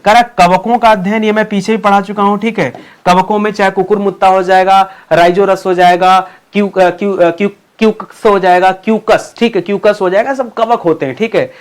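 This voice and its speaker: A man with a high-pitched voice teaching exam-prep lessons. He drills every key term several times and keeps checking in with his students through questions. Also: fairly even intonation, brisk, hardly any pauses. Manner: repetitive, drills terms, asks students questions.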